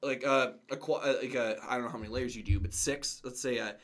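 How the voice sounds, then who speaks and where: A man's voice: medium pitch, steady tone, quick pace, fairly bright tone. Questioning man co-hosting a casual podcast. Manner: questioning, probing, with restarts. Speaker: podcast co-host. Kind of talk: casual chat.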